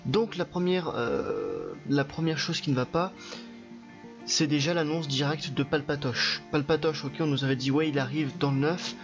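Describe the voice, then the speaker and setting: A young man talks through a film review in a loose, chatty way, stumbling over fillers and restarts as he goes. His voice sits a bit high for a man. The recording is dull and lo-fi, with faint music underneath. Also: normal speed. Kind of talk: casual video review.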